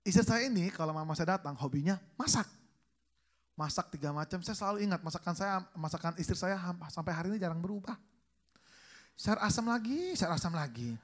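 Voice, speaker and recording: A man's voice: high-pitched, fast talker. A male pastor preaching a sermon at a church service, telling family stories with jokes and acting out the dialogue. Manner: joking storyteller, acts out family dialogue.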